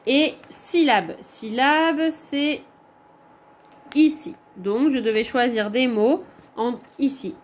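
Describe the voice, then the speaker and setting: A woman teacher with a French accent, patiently walking young pupils through the corrections of their homework, step by step. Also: sits high. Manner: slow, patient, pointing things out step by step. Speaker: primary school teacher.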